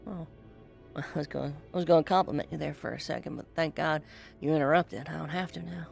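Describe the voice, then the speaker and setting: A person playing a wry, teasing soldier on watch in a conversational improvised role-play, with a gravelly voice. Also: mid-range voice, a little fast. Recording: faint music behind.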